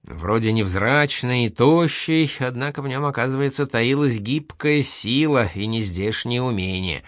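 A man narrating an audiobook with expressive reading. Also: medium pitch, unhurried, no echo, studio quality.

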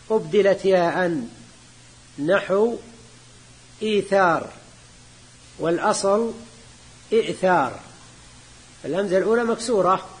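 A sheikh teaching a grammar lesson, his voice sitting fairly high for a man with a husky edge to it. He works through the text patiently, repeating key words slowly and tossing quick questions to his students. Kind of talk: classroom lecture explaining a grammar text.

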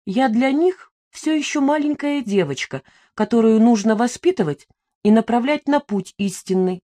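Woman voicing a defiant young daughter, snappish and sarcastic; slightly raised pitch. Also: expressive, moderate pace, mellow, close to an everyday voice. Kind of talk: audiobook dialogue reading.

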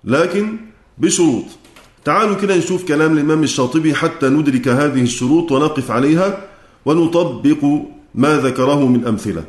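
A man with an Egyptian Arabic accent teaching Quran recitation rules in a lecture. He explains step by step, chants the verse lines slowly, and checks in with his students. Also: a little high, reverberant. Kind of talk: lecture explaining a classical poem.

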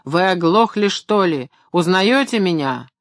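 A man reading an audiobook, voicing a gruff middle-aged man who yells hoarsely and frantically over battle noise. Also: high voice, sing-song, unhurried, no room sound, clean studio sound, pitched above the performer's own voice, full character voice. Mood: frantic shouting.

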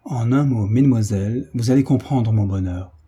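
A man's voice: medium pitch, moderate pace, mellow, slightly rough. A man voicing a joyful older sailor, a veteran uncle who speaks in hearty exclamations.

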